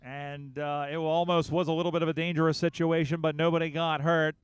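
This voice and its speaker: A man giving live play-by-play commentary on a football match, calling the action quickly and getting louder on big plays. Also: a little high, clear, resonant tone, dry recording. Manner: rapid play-by-play, rising excitement on big plays. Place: outdoor sports field.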